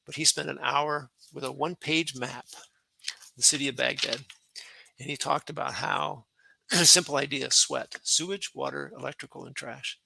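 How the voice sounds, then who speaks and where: A man in his sixties, a retired colonel, telling lively stories as a podcast guest and acting out quotes with laughs. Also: medium pitch, moderate pace, gravelly, slightly rough, rough recording. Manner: animated anecdotes with laughs and acted-out quotes. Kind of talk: conversational war storytelling.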